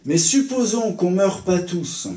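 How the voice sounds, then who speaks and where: Warm, slightly high-voiced man preaching in an echoey room. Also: lively intonation, slow. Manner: conversational, checks in with listeners with little tags and questions. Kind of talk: teaching sermon.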